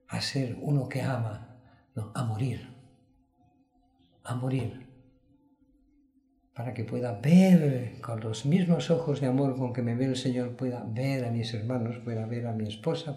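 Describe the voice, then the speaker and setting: Earnest Spanish-speaking preacher in an echoey room. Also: male voice, medium pitch, warm tone. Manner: earnest, rising to emphatic peaks, asks rhetorical questions. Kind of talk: sermon.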